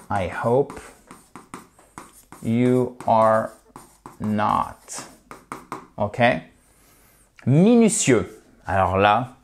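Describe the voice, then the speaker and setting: Male teacher, casual online lesson, chatty, reassuring, friendly asides. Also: medium pitch. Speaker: English teacher.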